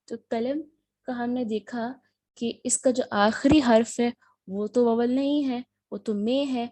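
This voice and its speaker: A woman's voice: a little high, steady tone, mellow, no echo. A woman teaching a spoken language lesson, patient, repeating words and asking herself questions as she explains. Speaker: Turkish teacher.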